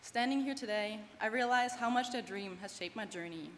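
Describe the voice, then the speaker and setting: Speaking at a normal speed in a voice on the high side, a young German woman delivers an earnest, heartfelt prepared graduation speech in English, which is her second language. Her words ring with long reverb through a large hall, faint background noise underneath.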